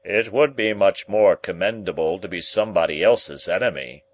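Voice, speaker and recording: Man doing sarcastic gentleman, dry, pointed, deep voice, audiobook. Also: moderate pace. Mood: sardonic. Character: smug, sarcastic gentleman relative. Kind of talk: audiobook character voice.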